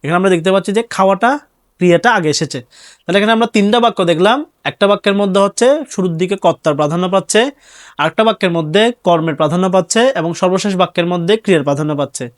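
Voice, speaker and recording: Young guy teaching grammar, talks quick, repeats stuff, answers his own questions. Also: high voice. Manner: explains step by step, repeats phrases, asks and answers own questions. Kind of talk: exam-prep grammar lecture.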